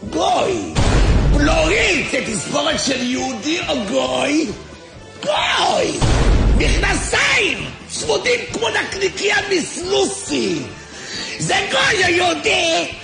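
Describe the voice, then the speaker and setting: Male preacher, gravelly, yells in a very high pitch, wild swings, booming hall, loud music underneath. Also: sing-song. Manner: shouting, swinging from low mutters to high yells. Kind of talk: fiery sermon to an audience.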